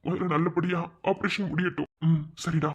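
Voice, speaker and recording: A performer voicing a worried young husband in a cartoon, soft and comforting, with a Madurai Tamil accent. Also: mid-range voice, fairly even intonation, normal speed, slightly rough, muffled recording, lightly acted. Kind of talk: cartoon voice acting.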